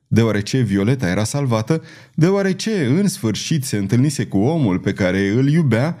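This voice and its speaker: A man narrating a novel in a dramatic, measured reading. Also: mid-range voice, big pitch swings, warm tone. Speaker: audiobook narrator. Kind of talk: scripted narration.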